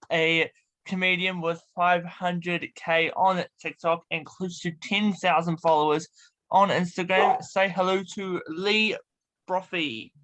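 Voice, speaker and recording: Man, fairly high voice, radio show host, casual interviewing, informal and a bit hesitant. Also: fairly bright tone, rough recording.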